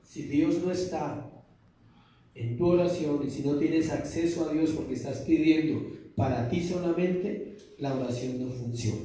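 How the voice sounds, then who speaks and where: Heard from far off in an echoey church hall, a pastor preaches an emphatic sermon, posing questions to the congregation and answering them himself in call-and-response style. His voice sits on the high side, warm in tone, at a measured pace.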